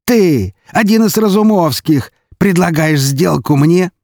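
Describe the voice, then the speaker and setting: A man's voice: mid-range voice, normal speed, vocal fry, husky, no room sound, studio quality, pitched above the performer's own voice. A man voicing a scarred, cunning count with a mocking, gleeful manner. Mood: amused. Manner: mocking, gleeful, raised lively delivery.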